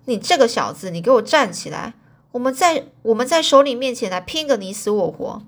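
A woman voicing a hot-tempered, jealous male gang member in a storybook reading, angry and shouting. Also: a little high, lively intonation, normal speed. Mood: furious.

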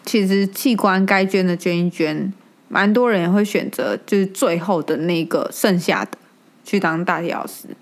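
A woman's voice: lowish voice, normal speed. A woman with a Taiwanese accent co-hosting a podcast, chatting casually in a blunt, colloquial way. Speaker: podcast co-host. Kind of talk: casual chat.

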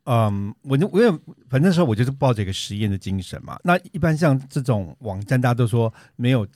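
A man's voice: medium pitch, big pitch swings, fast talker, darkish tone, no room sound, studio quality. A man co-hosting a podcast, explaining his experience step by step in a casual chat. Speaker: podcast co-host.

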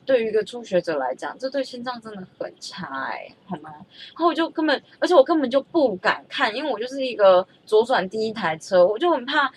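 A young woman, telling a story in a chatty, animated way and stammering when she gets excited. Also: fairly high pitch, a little fast, a little hiss or hum. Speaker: vlogger. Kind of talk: casual storytelling.

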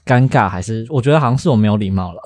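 A man's voice: fairly low pitch, rapid-fire, no echo, studio quality. A young man, chatting casually and telling stories with frequent laughs. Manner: laughs often, lively storytelling. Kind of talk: casual chat.

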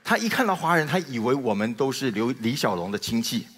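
A man's voice: mid-range voice, fast, slight background noise. A middle-aged man from Taiwan with a Taiwanese Mandarin accent, telling a humorous personal testimony as a guest speaker and acting out the dialogue with comic timing. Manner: animated storyteller with comic timing, acts out dialogue. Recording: reverberant hall.

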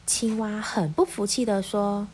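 A woman teacher reading a children's story aloud in a gentle, clearly paced way. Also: medium pitch, fairly even intonation, measured pace, a little hiss or hum.

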